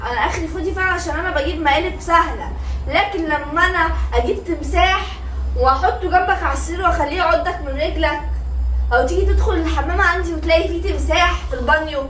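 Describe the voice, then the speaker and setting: A woman's voice: very high-pitched, fast, fairly bright tone. A young woman with an Egyptian accent, scolding and teasing in casual couple banter. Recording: very roomy, slightly noisy, distant microphone.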